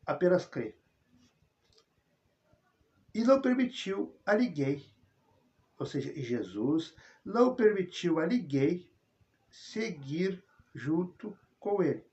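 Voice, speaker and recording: A man with a Brazilian Portuguese accent giving an informal Bible study, telling the story with animated emphasis. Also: a little high, dull audio. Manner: animated storytelling, frequent "né", chuckles.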